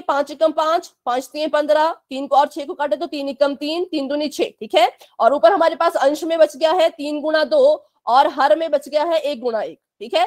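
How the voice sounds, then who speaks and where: A woman's voice: high-pitched, darkish tone. A woman teaching fractions in a live online class for children, explaining patiently, repeating checks, and giving firm warnings about chat behavior.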